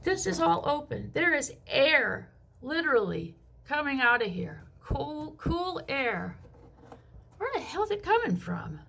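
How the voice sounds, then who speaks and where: A woman with a shrill, high-pitched voice giving a casual hands-on explanation in a home bathroom, with sweary, exasperated asides. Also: sing-song, unhurried, vocal fry, fairly bright tone.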